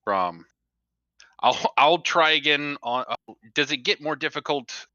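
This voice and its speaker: Bright-sounding guy gaming on a call, dull lo-fi audio. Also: on the high side, lively intonation, unhurried, no room sound. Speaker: player. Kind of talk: casual tabletop play.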